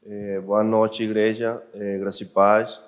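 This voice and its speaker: A man's voice: on the low side, flat delivery, takes it slowly. A Venezuelan man speaking Portuguese with a Venezuelan Spanish accent, giving a hesitant personal testimony full of fillers. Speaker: guest speaker.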